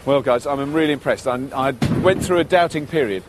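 A man's voice: on the high side, brisk, noisy background. A man presenting and narrating television in a jokey, playfully exaggerated way.

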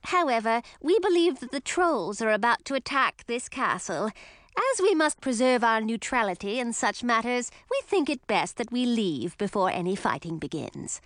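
A courteous fairy envoy with a lightly raised, lilting voice, put on by a woman reader. She speaks formally and in measured phrases. Close, dry recording. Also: on the high side, lively intonation, a bit bright, dry recording, voice pushed up. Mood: apologetic.

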